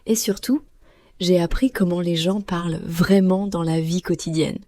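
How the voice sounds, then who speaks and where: Woman podcast cohost, mellow lowish voice, clear teacher pace, dry close mic. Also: steady tone, normal speed, no room sound. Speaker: podcast co-host. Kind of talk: scripted podcast dialogue for learners.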